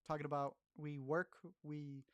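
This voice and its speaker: A man's voice: a little high, a little fast, no echo. A man casually chatting through film reviews as a podcast host, rambling along with fillers and restarts.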